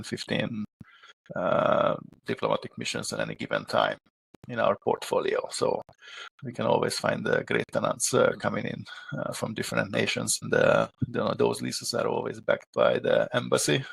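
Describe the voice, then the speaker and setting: A middle-aged man from Hungary with a Hungarian accent, answering interview questions as a property manager, with halting speech and many filler pauses. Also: medium pitch, gravelly, fairly bright tone, breathy edge, no echo.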